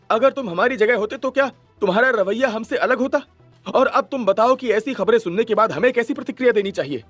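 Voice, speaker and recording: A man's voice: very high-pitched, a bit bright, dry recording, voice pushed up. A man doing a frightened, defensive crowd member. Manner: defensive, pleading, stammering.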